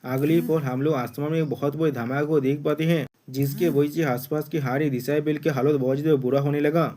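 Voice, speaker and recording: A man's voice: a little high, steady tone, fairly quick, mellow. A man narrating a manga recap in a casual, chatty way, often talking straight to his viewers as friends. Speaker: manga explainer.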